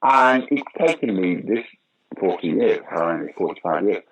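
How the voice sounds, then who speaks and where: In a casual interview, a deep-voiced man in his sixties from the United Kingdom, an actor and director, recounts his acting career at a moderate pace with lively intonation. He often restarts and mimics the voices of people he quotes as he tells stories with animation. The audio is poor, with slight background noise.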